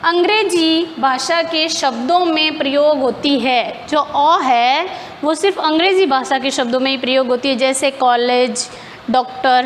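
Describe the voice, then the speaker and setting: A woman teacher with a high-pitched voice explains grammar step by step in a classroom lesson, posing questions and answering them herself. She's in a large hall, with a little hiss or hum on the recording.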